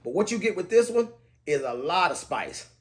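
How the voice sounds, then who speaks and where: A man with a slightly higher voice gives a casual fragrance review to camera. He talks in a relaxed, conversational way and rattles off scent notes in a steady rhythm. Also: normal speed.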